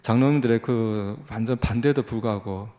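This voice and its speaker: A man's voice: on the low side, a little fast, warm tone. A man in his forties with a Busan accent, a lay missionary preaching in church, telling his story in a folksy, self-deprecating way with many fillers and restarts. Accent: Gyeongsang (Busan). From Busan, South Korea. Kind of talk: sermon, conversational testimony. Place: church sanctuary.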